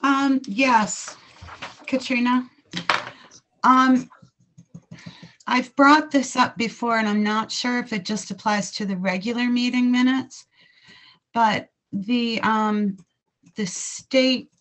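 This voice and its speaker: A woman board member raises a point over a computer mic on a video call. Her voice sits a little high. She talks slowly and hesitantly, choosing each word with care. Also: fairly even intonation, fairly bright tone. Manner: hesitant, careful. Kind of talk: meeting discussion.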